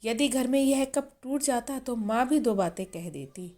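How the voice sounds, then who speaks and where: A woman's voice: a little high, lively intonation, measured pace, warm tone. A woman reading the lines of a young newlywed bride in a storybook, earnest and emotional. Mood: grateful.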